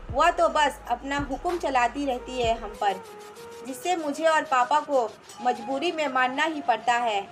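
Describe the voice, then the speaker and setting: A woman reading the lines of a young husband who quietly complains about his strict mother, in a storybook narration. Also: very high voice. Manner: complaining, confiding.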